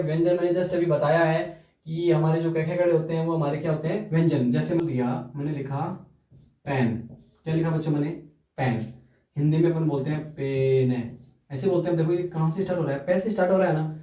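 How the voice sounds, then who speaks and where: A man teaching a grammar lesson in a classroom style, quizzing his students and then answering his own questions. His voice is mellow and sits a little high for a man. It sounds roomy and set back from the mic. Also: distant mic. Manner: repeats questions to students and answers them himself. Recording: echoey room, voice from off the mic.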